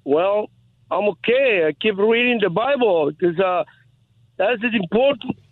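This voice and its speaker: A man's voice: sits high, animated, no echo. Man on the phone, held away, faint. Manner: halting, hesitant speech. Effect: phone held away from the mouth, faint and distant. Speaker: caller. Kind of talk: call-in on a radio talk show. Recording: tinny phone line, dry.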